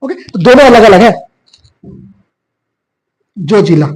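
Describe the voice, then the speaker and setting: A hoarse man, a little husky from a cough, teaches a geography lesson at a whiteboard. He repeats each point and keeps quizzing his students as he goes. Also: very high voice, animated, brisk, darkish tone, low-quality recording. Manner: repetitive, quizzing students with filler 'bhaiya'. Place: classroom with whiteboard.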